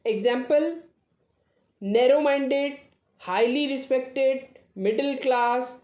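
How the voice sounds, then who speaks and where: A woman teaching a grammar lesson, explaining rules step by step and reading example sentences slowly and deliberately. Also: sits high, dark tone, dull audio.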